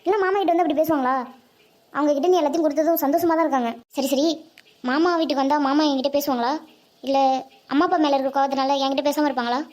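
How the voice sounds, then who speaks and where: Bright-high, fast young niece, anxious and pleading voiced by a performer. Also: fairly even intonation, close to an everyday voice. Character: timid young village niece.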